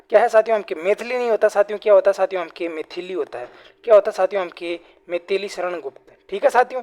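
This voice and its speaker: A man teaching an exam-prep grammar class online, who keeps asking questions and answering them himself. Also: high-pitched. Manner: repetitive call-and-response questioning.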